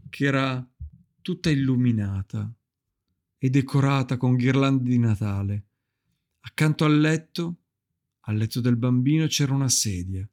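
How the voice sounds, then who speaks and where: Brief: calm male narrator reading a storybook aloud, gravelly texture, mid pitch. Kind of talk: audiobook reading.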